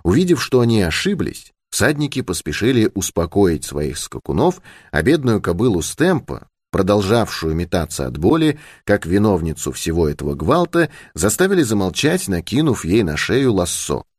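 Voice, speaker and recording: A man reads a novel aloud with expressive, lively intonation. His voice sits low. The recording is dry and close-miked. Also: normal speed, slightly rough, dry recording. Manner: expressive storytelling. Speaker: audiobook narrator. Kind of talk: scripted narration.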